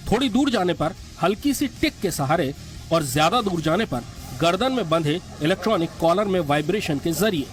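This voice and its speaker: High-voiced male documentary narrator over music. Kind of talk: scripted narration.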